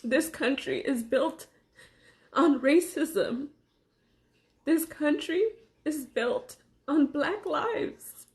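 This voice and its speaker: A young woman from Los Angeles, speaking earnestly in a personal monologue to camera, pausing between phrases. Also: high voice. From Los Angeles, USA. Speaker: vlogger.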